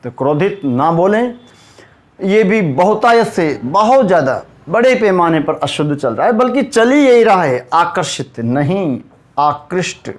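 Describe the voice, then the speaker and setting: Slow, emphatic high-voiced male teacher. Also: big pitch swings. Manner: emphatic, repeats correct word forms slowly; addresses students directly, asks and answers himself. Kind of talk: spoken Hindi grammar lesson.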